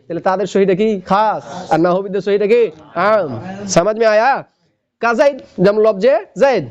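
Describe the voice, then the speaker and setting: High-voiced man lecturing with quiz questions. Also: a little fast, lo-fi sound. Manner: quizzing with questions he answers himself. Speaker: teacher of Arabic grammar. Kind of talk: classroom lecture.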